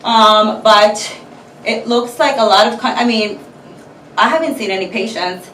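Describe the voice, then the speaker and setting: A woman's voice: fairly high pitch, measured pace, a bit bright, a little hiss or hum. A woman chatting casually to her viewers in a rambling vlog, full of fillers. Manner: chatty, scattered, many fillers. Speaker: vlogger. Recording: echoey room, mic far off.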